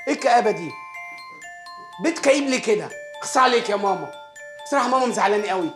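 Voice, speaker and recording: A man's voice: sits high, lively intonation, rapid-fire, music in the background. An actor with an Egyptian accent playing a spoiled, childish grown man who whines and sulks. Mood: whiny sulking. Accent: Egyptian Arabic. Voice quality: whiny, sulky. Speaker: lead actor in a comedy series. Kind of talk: sitcom acting.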